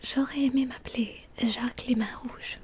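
A woman voicing a shy young boy in a whispered role-play, speaking in a hushed, earnest way. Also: fairly high pitch, fairly even intonation, moderate pace, lightly acted. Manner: shy, then defiant. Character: timid young boy turning bold.

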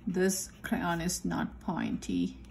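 A woman art teacher giving a step-by-step drawing lesson, calmly talking through each step as she draws at a desk. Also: on the low side, takes it slowly, gravelly, a little hiss or hum. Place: indoors at a desk. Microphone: overhead camera filming the tabletop.

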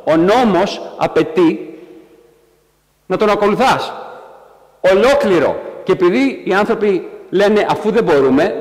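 A man preaching a sermon in a church, animated and acting out quotes in a raised voice. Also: high voice, long reverb tail. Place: church hall.

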